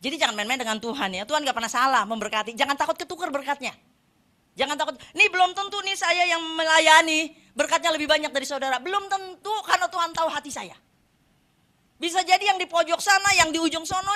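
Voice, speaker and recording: A woman preacher giving a lively sermon, asking the congregation questions and answering them herself. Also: high-pitched, fast talker.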